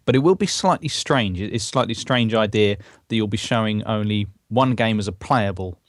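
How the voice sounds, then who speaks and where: A man's voice: lowish voice, fairly quick, no room sound, clean studio sound. A man co-hosting a podcast, giving thoughtful, hedging commentary in a casual chat. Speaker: podcast co-host covering games.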